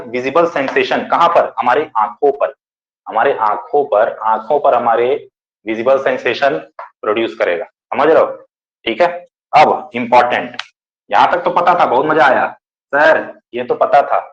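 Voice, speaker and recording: Male teacher in an echoey classroom. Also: medium pitch. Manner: dictates slowly, asks and answers his own questions. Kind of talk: classroom lecture, dictating notes. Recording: echoey room, dull lo-fi sound.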